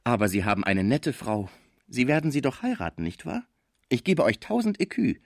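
A man reading aloud, voicing a gentle, grieving old German man. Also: mid-range voice, very animated, moderate pace, gravelly, no echo, studio quality. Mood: tender.

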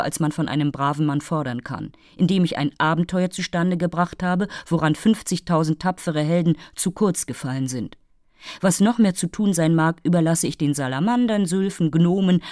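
A flighty young prince, flippant and quick to lose patience, read by a woman. The voice stays low and close to the narrator's own, recorded dry. He teases and pleads by turns. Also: a little mellow, dry recording, natural voice.

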